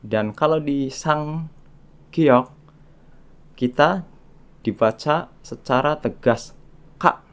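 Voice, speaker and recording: A man's voice: medium pitch, slow, long pauses, smooth. A man teaching a beginner language lesson, explaining sounds patiently and repeating each one in drills. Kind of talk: slow, patient lesson narration.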